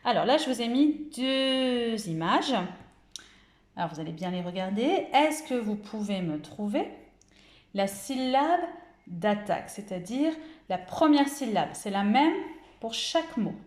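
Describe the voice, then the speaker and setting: Recording a home-school lesson in a reverberant space, a French kindergarten teacher speaks in a slightly high, animated voice with a darkish tone. She takes it slowly, articulating carefully and drawing out every syllable.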